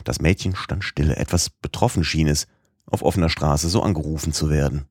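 Very deep, husky male audiobook narrator. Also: a little fast, dry recording, studio quality. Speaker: audiobook reader. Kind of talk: scripted narration.

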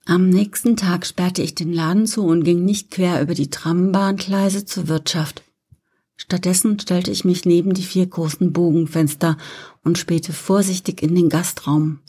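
A woman reading a story aloud as narrator, soft-spoken and often dropping to a near whisper. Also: fairly low pitch, fairly even intonation, measured pace, slightly rough. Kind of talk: scripted narration.

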